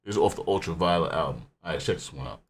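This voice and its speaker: A low-voiced man hosting a reaction channel. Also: racing. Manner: rambling and animated, with repeated filler "man". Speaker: music reaction host. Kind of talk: casual reaction commentary.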